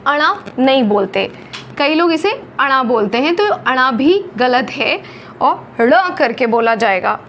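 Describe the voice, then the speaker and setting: A woman teaching a phonics lesson, slowly over-articulating each letter sound. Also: high-pitched, animated, a bit bright, slight background noise. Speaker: Hindi teacher.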